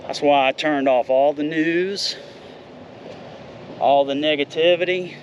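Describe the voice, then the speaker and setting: Speaking a little slowly in a voice on the high side, a fifty-something American man vlogs amid slight hiss or hum. He rambles casually and candidly, swearing mildly now and then.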